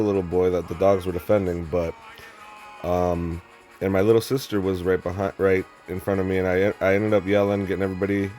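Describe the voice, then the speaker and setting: A young man with a very deep, low voice tells a story in a loose, rambling way, swearing freely and restarting his sentences often. Faint music plays underneath. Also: darkish tone. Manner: rambling, blunt and profane, with many restarts. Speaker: vlogger. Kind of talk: casual storytelling monologue.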